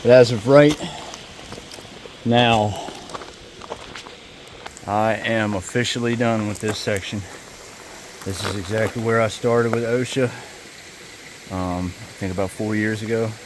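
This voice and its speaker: A middle-aged hiker vlogging outdoors on a trail is out of breath as he chats casually about the hike, laid-back and full of fillers. His lowish voice has fairly even intonation, a slow pace and frequent pauses. The background is noisy.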